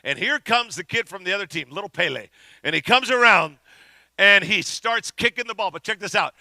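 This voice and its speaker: A middle-aged man preaching a sermon as pastor, telling a story with animated energy and shouting at the big moments. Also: sits high, brisk, gravelly, dry recording.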